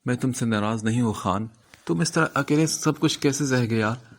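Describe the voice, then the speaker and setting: A man's voice: medium pitch, lightly acted. A man playing a remorseful young friend. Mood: earnest. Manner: earnest and heavy-voiced.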